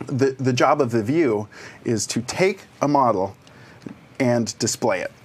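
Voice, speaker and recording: Guy chatting through coding slides, laid back, dry jokes, steady middle voice. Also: mid-range voice, unhurried, husky. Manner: relaxed, dry humor, walks through slides step by step. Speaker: co-presenter of a web development course. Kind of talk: casual technical explanation.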